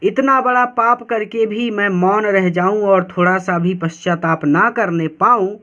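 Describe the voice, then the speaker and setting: A man's voice: high-pitched, a little slow, pushed and bright, lo-fi sound. A male Hindi teacher explaining a poem line by line for exam students, repeating and paraphrasing each phrase and checking in often.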